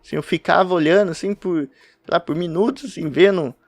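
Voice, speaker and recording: A man's voice: high-pitched, a little fast, no echo, faint music behind. A man chatting casually to his webcam about a favorite manga, rambling and laughing between thoughts. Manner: rambling, self-interrupting, laughs often. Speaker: podcast host reviewing manga. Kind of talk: casual talk to camera. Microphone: webcam setup at home.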